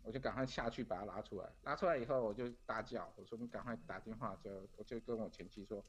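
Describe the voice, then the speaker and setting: A middle-aged Taiwanese podcast guest tells his story quickly, his lowish voice carrying a breathy edge. Casual and earnest, he keeps repeating phrases while describing events.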